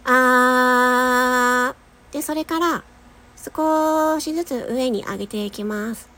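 A voice-training podcaster, a nasal-voiced young adult woman, speaks high and expressively at a measured pace. She keeps her lesson casual, chatting, laughing often and holding long tones to demonstrate.

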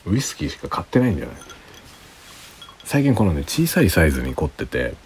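A tipsy man rambling casually in a hushed late-night solo chat as a livestream host. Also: deep voice, big pitch swings, brisk, a little hiss or hum. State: drinking alcohol, tipsy.

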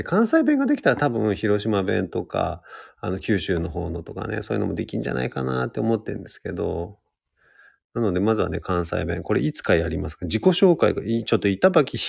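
A man's voice: deep voice, vocal fry, a little mellow, husky, muffled recording. A young man hosting a casual solo livestream radio show, chatty and self-deprecating as he answers listener comments. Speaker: radio host.

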